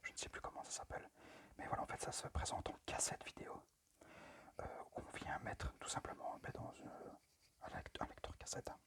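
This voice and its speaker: A man whispers breathily, barely voicing his words, in a fairly bright tone. He's an amateur ASMR video creator whose delivery is tentative and halting. He comes across as apologetic and unpolished.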